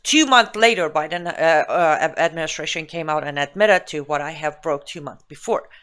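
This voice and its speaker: Speaking at a normal pace in a low, clear, resonant voice, this Iranian political commentator and show host delivers a live monologue. Her accented delivery is forceful and indignant, full of emphatic rhetorical questions.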